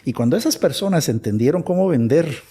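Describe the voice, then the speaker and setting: A man's voice: a little high, expressive, a little fast, warm tone, slightly rough. A man from Guatemala, a guest expert in a conversational interview, who talks animatedly and acts out imagined dialogues.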